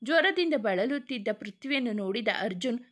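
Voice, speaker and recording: Woman narrating a story, fairly high voice. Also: animated, brisk, a bit bright.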